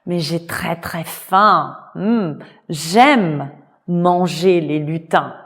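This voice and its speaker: A woman voicing a big hungry male troll in a slow, plain storybook voice. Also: on the low side, a bit bright, full character voice. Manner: slow, drawn-out, plainly spoken.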